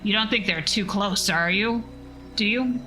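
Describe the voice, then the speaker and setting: A woman's voice: medium pitch, measured pace, pushed and bright, soft background music. A woman voicing a fussy, businesslike male space merchant in a nasal voice, reading a sci-fi story aloud. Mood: smug, fussy.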